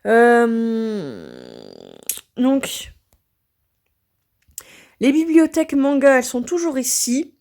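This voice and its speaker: A woman's voice: high-pitched, animated, drawn-out words, pauses often, darkish tone. A French woman in a casual vlog, showing her home craft room and hesitating often between thoughts. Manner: hesitant, lots of filler sounds. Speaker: vlogger.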